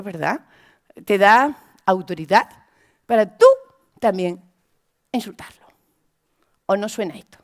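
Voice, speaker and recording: Animated woman lecturer telling classroom stories. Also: medium pitch. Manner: animated, expressive storytelling, emphatic repetition. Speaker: lecturer training teachers. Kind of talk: lecture with anecdotes.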